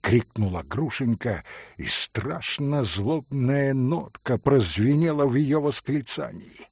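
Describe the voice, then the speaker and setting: A man reading a classic novel aloud in theatrical, expressive narration, voicing every character. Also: mid-range voice, takes it slowly, vocal fry, breathy edge, dry recording, clean studio sound. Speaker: audiobook reader.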